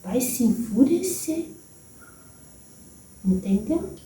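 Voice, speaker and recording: A woman with a Brazilian accent channeling a gentle, wise old grandmother spirit, speaking slowly and soothingly in a motherly tone that drops into whispers, recorded from a distance in a roomy space. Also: a little high, sing-song, heavily acted. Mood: tender. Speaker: spirit medium.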